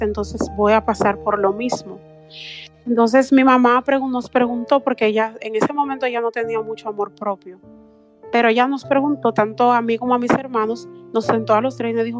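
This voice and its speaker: A woman in her thirties giving a personal account in an interview, speaking earnestly with halting restarts. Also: on the high side. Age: 30s. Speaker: interview guest. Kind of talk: personal testimony.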